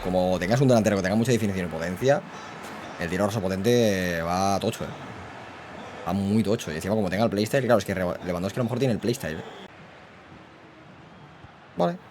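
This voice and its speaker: Excitable gamer, low voice. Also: male voice, fast talker, pauses often, noisy background. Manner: excitable, slangy, yells at goals. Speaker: gaming YouTuber. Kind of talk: live gameplay commentary.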